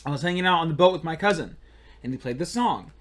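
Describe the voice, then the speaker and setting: A man's voice: a little high, expressive, fast. A young man co-hosting a casual podcast, telling rambling stories and playfully bragging. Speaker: podcast co-host.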